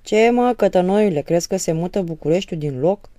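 A woman reading the part of a gruff, irritable peasant father in an audiobook, with a mocking edge. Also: fairly low pitch, lively intonation, warm tone, no echo, clean studio sound, pitched above the performer's own voice, lightly acted. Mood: gruff, sarcastic. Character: gruff sarcastic middle-aged peasant father.

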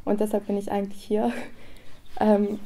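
Young woman from south tyrol, gravelly, kinda flat, chatty and upbeat. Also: medium pitch, normal speed. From South Tyrol, Italy. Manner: chatty, upbeat, laughs between phrases. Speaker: retreat participant. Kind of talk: casual spoken introduction.

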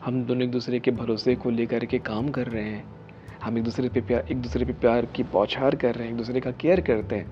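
On a studio set with a statue before a dark curtain, a healer in his thirties instructs viewers in a method, fairly quickly and with a steady mid-range tone. He stresses key phrases by lifting his voice and sometimes whispers; the recording is muffled with a little hiss or hum.

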